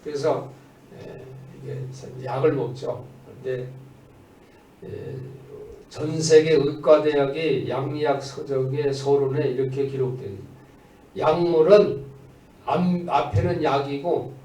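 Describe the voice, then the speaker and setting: Taking it slowly in a dark, mid-range voice, a pastor gives a Sunday sermon indoors at church, with a little hiss or hum on the recording. He urges his listeners on, moving between emphatic proclamation and conversational asides; the room echoes and the mic sits far off.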